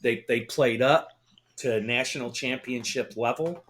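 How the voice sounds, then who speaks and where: A man talking sports on a radio show, his voice sitting at an ordinary middle pitch. He gets excited fast, swears freely and circles back over his own words. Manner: excitable, swears, laughs, repeats himself. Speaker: talk radio co-host. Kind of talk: casual sports talk.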